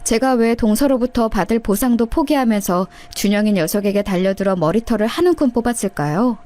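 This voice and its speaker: Brief: a woman storyteller, confiding and direct with listeners, fairly high voice. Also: fairly quick, mellow. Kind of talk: story narration.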